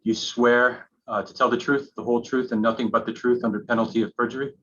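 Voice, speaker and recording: A man acting as hearings officer, calling on counsel and swearing in a witness in a halting way with many fillers, heard through a dull lo-fi hearing recording. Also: medium pitch, fairly even intonation, fairly bright tone, husky. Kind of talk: formal proceeding moderation. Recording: dull lo-fi remote hearing audio.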